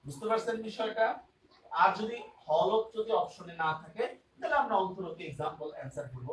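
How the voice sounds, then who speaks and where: A man teaches a grammar class in a fairly high voice, repeating each term and checking often that the students follow. He sits some way from the mic in a roomy space. Faint ambient noise runs underneath. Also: animated, quick pace, a bit bright, far from the mic.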